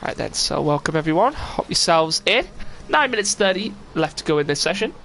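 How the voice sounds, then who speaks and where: A young man with a cold, sniffly and stuffed up, commentates a sim racing live stream in a casual, rambling way packed with fillers. His voice is a little high, gravelly and fairly bright, sing-song and fairly quick.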